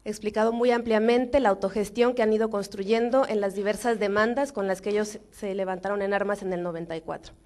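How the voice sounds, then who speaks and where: A young woman from Mexico, speaking with a Mexican accent, gives an informal talk to a forum audience in a measured way, with many fillers and restarts. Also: mid-range voice, darkish tone. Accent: Mexican Spanish.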